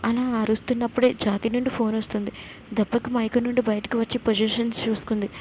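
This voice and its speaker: A woman's voice: on the high side, level tone, fast talker, darkish tone, a little hiss or hum, low-quality recording. A woman narrating a romantic family story, reading the dialogue of every character in her own voice.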